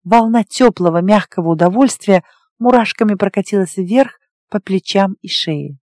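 A woman's voice: mid-range voice, moderate pace, darkish tone, no room sound. Woman narrating a romance audiobook, dry sound. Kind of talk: first-person audiobook narration.

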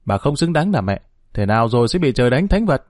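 A man voicing a sharp-tongued young woman, a scornful daughter-in-law who scolds shrilly and cuttingly in a dramatized story reading. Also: medium pitch, big pitch swings, fast talker, no echo, clean studio sound, close to an everyday voice. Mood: accusing.

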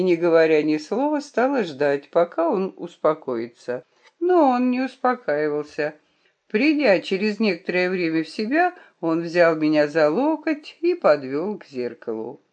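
A reader narrating an audiobook in a measured, storytelling manner. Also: medium pitch, darkish tone, highs cut off.

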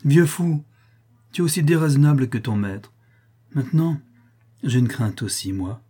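A man's voice: mid-range voice, lively intonation, moderate pace, dark tone, husky, pitched above the performer's own voice. A man voicing an emotional aristocratic marquis, effusive and familiar with his old servant. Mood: uneasy joy.

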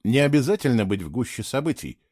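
Audiobook reader, male, lively intonation, dry close-miked sound. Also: mid-range voice, fast, breathy edge, dry recording. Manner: expressive storytelling. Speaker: audiobook narrator. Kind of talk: scripted narration.

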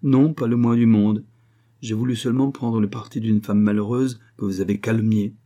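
A man's voice: on the low side, steady tone, normal speed, dark tone, close to an everyday voice. A man reading the part of a bold young man, speaking up earnestly and indignantly. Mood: defiant.

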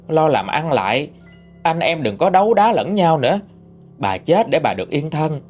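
Animated man telling a ghost story. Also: medium pitch. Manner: conversational, animated retelling. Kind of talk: storytelling narration.

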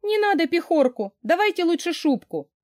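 A woman's voice: very high voice, very animated, normal speed, a little mellow, dry recording, studio quality, pitched above the performer's own voice. A woman voicing a flustered young nanny who whines and pleads with her boss. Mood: pleading. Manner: whiny, pleading.

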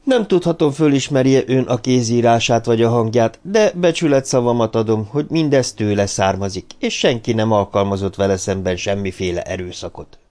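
A man's voice: medium pitch, few pauses, a little mellow, lightly acted. A man reading the part of a stern, guarded middle-aged man in formal, cool tones. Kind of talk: audiobook dialogue reading.

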